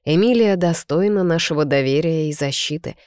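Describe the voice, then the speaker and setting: A reader voicing a shrewd, stern old man with a cane, measured and coolly authoritative. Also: medium pitch, darkish tone, smooth, no room sound, clean studio sound, lightly acted.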